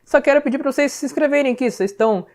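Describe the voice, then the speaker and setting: A woman with a Brazilian Portuguese accent giving a casual English lesson, chatty and often checking understanding with a quick question. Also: high-pitched, a little mellow. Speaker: English teacher.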